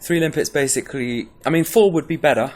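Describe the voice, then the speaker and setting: Slightly high-pitched and a touch dark in tone, this man speaks a little fast as he rambles through a casual gameplay tutorial. He's a game guide presenter, chatty and full of restarts, with a caffeinated, pepped-up energy.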